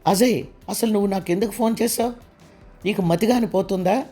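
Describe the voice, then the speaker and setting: Guy doing frightened young wife, shaky pleading voice, audiobook with soft music. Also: high-pitched, brisk, close to an everyday voice. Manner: pleading, trembling. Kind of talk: audiobook character reading.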